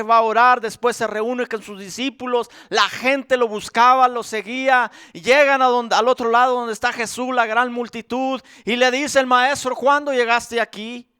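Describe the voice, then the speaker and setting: A male pastor preaching a sermon in a slow, emphatic way, repeating his phrases for weight. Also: extremely high pitch, pushed and bright, smooth, dry recording, studio quality.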